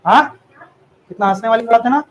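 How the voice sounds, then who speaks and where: A male teacher lecturing a class in a classroom, teasing students and drilling them with quick repeated questions. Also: very high voice, a bit bright, low-quality recording.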